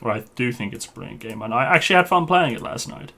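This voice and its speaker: A man live-streams a game, chatting casually with his viewers and addressing the group in a matey, informal way. His medium-pitched voice is fast, creaky and sharp, with lively intonation.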